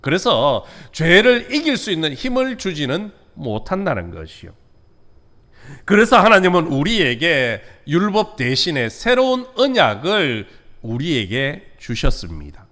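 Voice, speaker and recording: A man preaching a midweek sermon as pastor, lifting his voice on key words and letting sentence endings fall away softly. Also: on the high side, wildly swooping pitch, unhurried. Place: church sanctuary.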